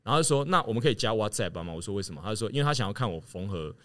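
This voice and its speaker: A man telling a story in casual chat, animated and laughing as he acts out what others said. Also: fairly low pitch, racing. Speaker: podcast guest telling a story.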